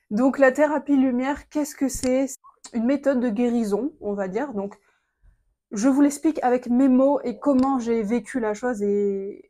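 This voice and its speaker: A woman's voice: on the high side, dark tone. A young woman talking earnestly and reflectively to camera, sharing personal advice with a lot of hesitation fillers. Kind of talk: casual confiding talk to camera.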